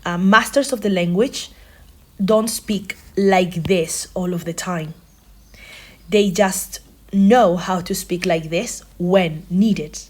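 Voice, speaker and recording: A young woman from southern Spain, a native Spanish speaker, teaches an informal English lesson, rambling thoughtfully with lots of fillers. Her voice sits on the low side, dark in tone, and she speaks slowly.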